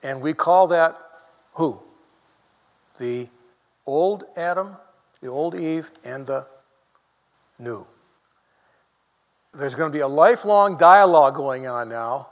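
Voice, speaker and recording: A man preaching a sermon in a lively, conversational way, full of rhetorical questions to the congregation. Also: on the high side, big-room sound.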